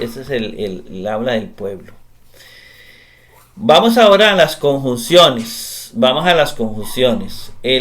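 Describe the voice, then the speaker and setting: A man giving a recorded grammar class, explaining step by step, often pausing with "eh" and checking in with "¿verdad?". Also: mid-range voice, a bit bright. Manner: explanatory, repeats tag question "¿verdad?", frequent hesitations. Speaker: grammar teacher.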